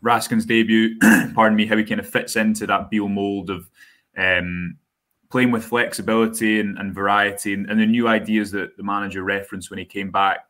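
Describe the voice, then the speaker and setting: A man analyzing football casually as a journalist, measured and hesitant with fillers. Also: fairly low pitch, little pitch movement, a bit bright.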